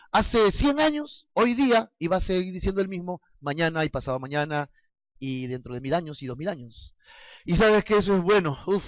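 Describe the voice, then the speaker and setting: Male preacher, high-pitched, playful and questioning; dry, muffled recording. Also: no room sound. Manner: playful, acts out little scenes and asks the congregation questions. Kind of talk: sermon. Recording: dull lo-fi sound, dry.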